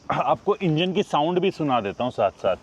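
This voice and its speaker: A chatty man reviews a car in a casual vlog, speaking to his viewers like friends, partly while driving. His voice sits fairly high for a man. The audio is a little dull, with faint background noise. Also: sing-song, moderate pace.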